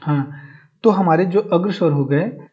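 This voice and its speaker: A male teacher giving a recorded grammar lesson. He asks his students a question, answers it himself, and repeats each definition slowly so they can take notes. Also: high voice, slightly rough. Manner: mixes in English words, addresses viewers as guys. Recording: muffled, dull recording.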